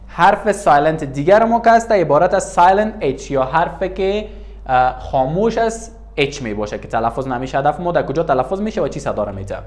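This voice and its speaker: Lively teacher with an Afghan Dari accent. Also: male voice, sits high. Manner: repeats each word slowly, then translates it. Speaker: English teacher. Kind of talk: bilingual classroom lesson. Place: room with a writing board.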